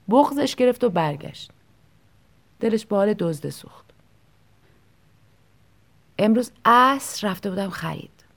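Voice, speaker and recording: Female storyteller, mid pitch, gravelly texture, soft intimate delivery with whispered touches. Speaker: story reader. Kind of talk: scripted storytelling narration.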